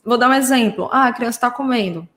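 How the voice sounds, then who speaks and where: A woman's voice: on the high side, fast, a bit bright. Playful Brazilian woman acting out sounds. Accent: Brazilian Portuguese. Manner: playful, acts out sound effects, frequent tag questions. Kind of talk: casual teaching talk to parents.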